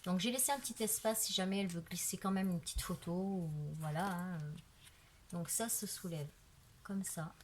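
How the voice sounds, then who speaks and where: A woman with a fairly low voice gives a relaxed craft show-and-tell, talking loosely as she goes. She is recorded by a camera on a tripod at a craft table indoors, with a faint hiss under her voice. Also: normal speed. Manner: chatty, frequent "voilà" and "euh" fillers. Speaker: craft video maker.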